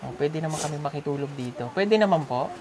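A woman's voice: deep voice, expressive, fast talker, crowd noise. A woman vlogger chatting with a family at their home, coaxing and teasing with lots of questions. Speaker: vlogger visiting a sponsored child. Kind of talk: casual vlog chat.

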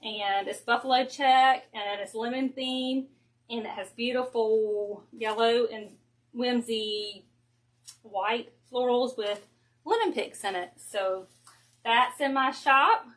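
A woman with a Southern Georgia accent and a somewhat high, slightly bright voice hosts a casual wreath-making livestream from home, talking into her phone. She's chatty and gushing, and laughs easily.

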